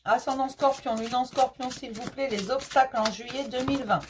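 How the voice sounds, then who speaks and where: A woman medium with a high voice, fairly even intonation, and a fairly quick pace gives a casual tarot reading against background noise. She is reassuring and chatty, calls the listener "mon petit chéri", and uses frequent fillers and repeats.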